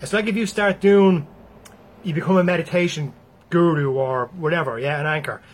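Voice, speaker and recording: A man's voice: on the high side, normal speed. A man with an Irish accent giving a blunt, freely swearing motivational talk to his viewers. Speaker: motivational speaker.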